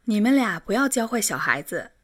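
A teasing, lively big-sister type. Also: female voice, mid-range voice, a little fast, dry recording, clean studio sound. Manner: playfully scolding. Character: teasing young woman, elder-sister type. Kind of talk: audiobook character voice.

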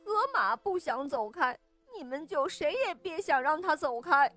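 A woman's voice: expressive, normal speed, bright, forceful tone, faint music behind. A woman voicing a smug, squawking know-it-all parrot in a children's story. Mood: scolding. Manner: shrill, squawky, gloating. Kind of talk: storybook reading.

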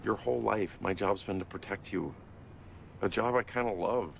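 A soft-spoken sitcom father, halting and earnest as he talks to his teenage daughter. His low voice has a gravelly edge. Faint noise sits behind him. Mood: tender. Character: loving sitcom dad talking to his teen daughter. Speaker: father character in a sitcom clip. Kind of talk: sitcom acting.

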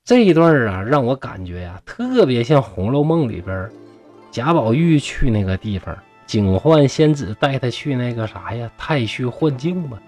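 Male storyteller, Northeastern Mandarin accent, chatty and humorous, lively intonation, dry close-miked sound. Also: medium pitch, moderate pace, no echo, faint music behind. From Shenyang, Liaoning, China. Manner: chatty, folksy, explains old texts with colloquial asides. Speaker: storyteller host.

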